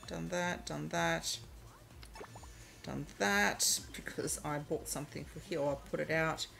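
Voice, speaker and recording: A let's play host with a low-side voice and vocal fry chats casually as she plays a mobile game, reading out its prompts. She speaks English with a mixed, mostly Australian accent, her first language being from Eastern Europe.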